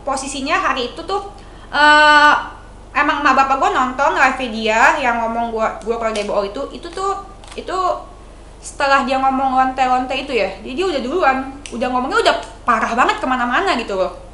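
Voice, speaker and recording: A woman's voice: sits high, lively intonation, fairly quick, sharp tone, slight background noise. A woman with a Jakarta colloquial accent who talks straight to camera, scolding and confrontational, and keeps calling her viewers "guys". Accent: Jakarta colloquial Indonesian. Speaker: vlogger. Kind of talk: casual angry rant to camera.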